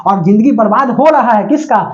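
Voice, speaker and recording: Male chemistry teacher, very high pitch, dull lo-fi recording, keeps asking the class questions. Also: a little fast. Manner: constantly quizzes students with rhetorical questions; relaxed, joking everyday examples. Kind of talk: classroom lecture.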